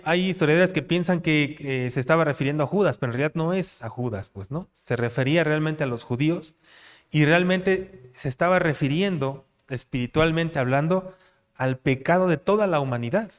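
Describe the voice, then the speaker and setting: A man preaching an expository sermon, asking rhetorical questions and tagging lines with a questioning "¿no?", reading scripture aloud slower and louder. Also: fairly high pitch, big-room sound. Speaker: pastor.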